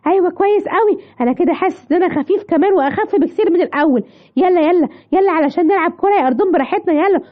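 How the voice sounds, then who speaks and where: A woman's voice: extremely high pitch, very fast, phone-quality sound. A woman with an Egyptian accent voicing a playful, whiny little lion cub boy in a children's story. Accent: Egyptian Arabic.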